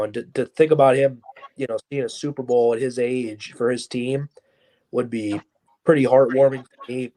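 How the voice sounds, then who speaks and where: A man on a sports podcast speaks at a middling pitch in a casual chat. He talks haltingly, restarting phrases and leaning on "you know" as he gathers his thoughts. The tone is sincere and conversational. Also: warm tone. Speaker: podcast co-host.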